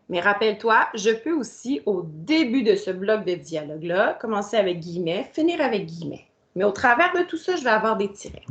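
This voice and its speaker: A woman teacher with a fairly high, slightly bright voice walks a pupil through a grammar lesson step by step, addressing the child directly. It's a recorded grammar lesson meant for children.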